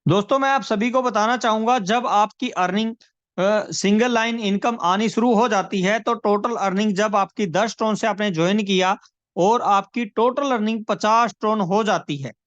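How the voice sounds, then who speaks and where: A man giving a persuasive sales pitch on a video call, repeating numbers and calling listeners friends. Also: normal speed, fairly bright tone, no room sound. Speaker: presenter of a money scheme. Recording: dry, dull lo-fi call audio.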